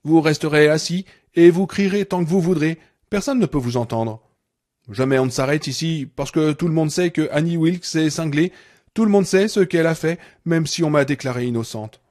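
A man's voice: fairly high pitch, moderate pace, darkish tone, lightly acted. A male reader voicing a sarcastic, menacing woman nurse who holds a man captive in an audiobook. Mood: menacing rage. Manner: sarcastic, seething, sudden rage.

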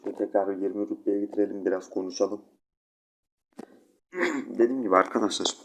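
A man's voice: fairly low pitch, a little fast, background noise. A sleepy young man with a stuffy nose, rambling chattily to his viewers while commenting on his gameplay. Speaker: gaming channel host.

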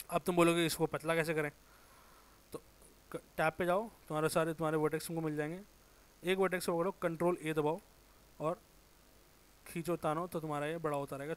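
A man with a sore throat giving a casual, informal software tutorial, thinking aloud, correcting himself and muttering as he works. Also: on the high side, smooth. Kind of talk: casual screen-recorded tutorial.

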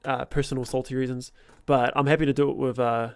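A man, chatting informally and haltingly about games as a streamer, swearing casually. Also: mid-range voice, flat delivery, clear, resonant tone. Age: 20s. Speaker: streamer and host of a gaming series. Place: small room at home. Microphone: close desk microphone.

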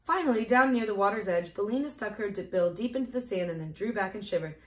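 A woman hosting a children's show, reading a storybook aloud in a clear, expressive way. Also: medium pitch, fast talker. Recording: roomy echo.

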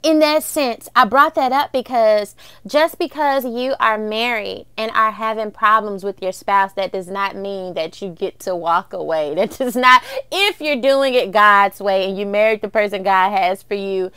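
Smooth-voiced young woman preaching casually. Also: medium pitch, a little slow, dry recording. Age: 20s. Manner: lively storytelling, preachy asides. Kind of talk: faith-based talk to camera.

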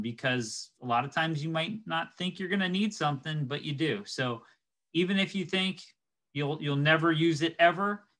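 A man's voice: mid-range voice, bright, forceful tone. A man, a school counselor, giving earnest advice to students over a laptop microphone on a video call. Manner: earnest, advising. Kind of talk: casual panel talk.

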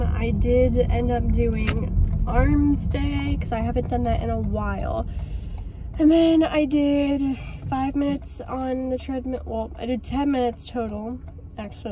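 A young adult woman chats and rambles casually to her phone, held at arm's length, in her bedroom and car, her voice worn by a cold. It sits a little high, and background noise can be heard.

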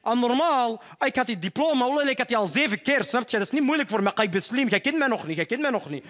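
A man's voice: extremely high pitch, animated, fast, a bit bright, voice pushed up. A man voicing a cocky, streetwise young man, boastful and pushy. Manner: boastful, pushy, keeps saying "snap je".

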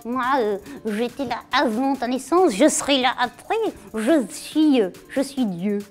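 A woman's voice: on the high side, expressive, a little slow, faint music behind. A woman ventriloquist voicing a cheeky, boastful male puppet who is naive and tactless. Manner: naive, tactless, self-important. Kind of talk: ventriloquist act.

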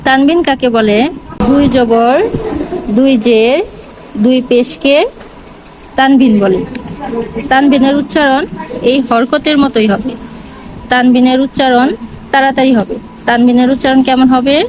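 A woman teaching Quran reading step by step, slowly repeating each syllable in drills. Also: high voice, steady tone, background noise. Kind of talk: step-by-step lesson.

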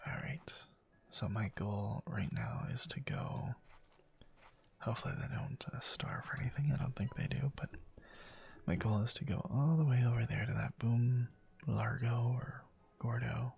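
A man quietly whispering casual ASMR gameplay commentary, musing aloud to himself as he plays, with keyboard and mouse clicks. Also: medium pitch, a little slow, creaky, husky. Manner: soft-spoken, musing aloud while playing. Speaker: gameplay channel host.

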